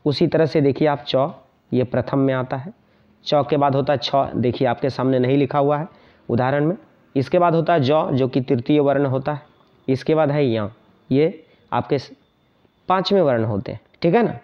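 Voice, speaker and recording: A man's voice: medium pitch, normal speed. A male teacher explaining a grammar lesson, repeating points and often checking in with the students. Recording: dull lo-fi sound.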